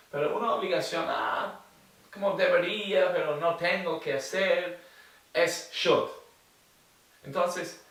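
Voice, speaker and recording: A man giving an online language lesson as the teacher, explaining slowly and repeating example phrases. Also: a little high, fairly bright tone. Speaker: English teacher. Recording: roomy echo, mic at a distance.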